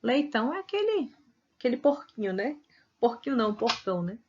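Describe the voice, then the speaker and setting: A woman's voice: a little high, very animated, fairly quick, highs cut off, background noise. A Brazilian woman teacher giving a recorded video lesson, explaining patiently and often checking in with tag questions. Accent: Brazilian Portuguese.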